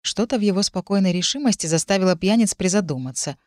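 A woman reading a first-person story aloud in an even, measured way. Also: mid-range voice, dry recording, clean studio sound. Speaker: audiobook narrator. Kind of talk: first-person audiobook narration.

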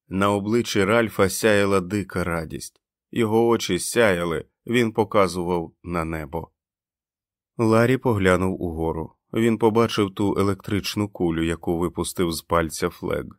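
A man narrating a novel as an audiobook in a measured, dramatic reading. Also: low voice, dry recording, studio quality.

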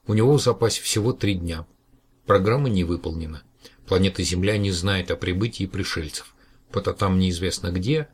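A man narrating an audiobook in a calm, even storytelling manner, with a husky voice. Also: low voice, moderate pace, a little hiss or hum.

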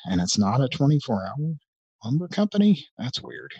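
A man's voice: mid-range voice, big pitch swings, moderate pace, breathy edge, no room sound, dull audio. A middle-aged man hosting a live stream, rambling in casual chat with many hesitations and wry, self-deprecating asides. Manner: meandering and hesitant, full of ums and restarts. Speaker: host of a live call-in stream.

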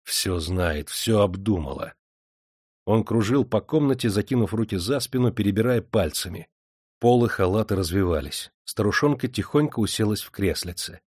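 A man's voice: lowish voice, lively intonation, fairly quick, darkish tone, breathy edge, dry recording, clean studio sound. A man reading an audiobook aloud, expressively narrating.

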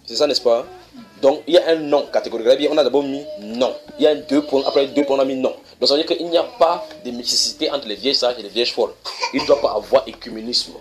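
A man with a mid-range voice preaches a teaching sermon in a church. He reads scripture verses slowly, then explains them, often asking his listeners whether they're following along.

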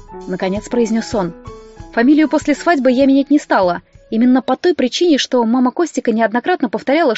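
A woman narrating a first-person audiobook in a wry, lively storytelling manner. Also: high voice, dry recording, dull audio.

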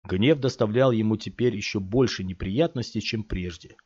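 Husky low-voiced male audiobook narrator. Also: moderate pace, a little mellow. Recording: dull lo-fi recording.

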